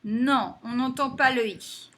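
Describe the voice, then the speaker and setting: A woman teacher giving a phonics lesson to young children, saying words slowly and clapping them out syllable by syllable. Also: high voice, fairly bright tone. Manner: slow and deliberate, stretching and clapping out words syllable by syllable.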